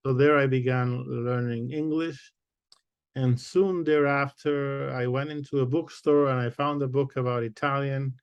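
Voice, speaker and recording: A man from the Dominican Republic, a native Spanish speaker and literature professor, answering interview questions in a thoughtful, halting way. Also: medium pitch, steady tone, smooth, no room sound, dull audio. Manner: thoughtful, halting, many fillers and restarts. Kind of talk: interview conversation.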